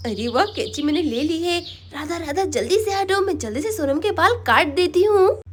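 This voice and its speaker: A woman's voice: very high voice, expressive, normal speed, slight background noise. A woman voicing a scheming village mother who is bossy and sly.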